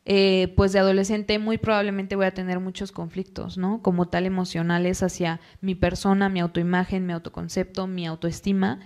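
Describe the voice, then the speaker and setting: Calm woman psychologist. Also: medium pitch. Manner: calm, explanatory, acts out parents and children in quick quoted asides. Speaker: psychologist guest. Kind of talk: podcast interview.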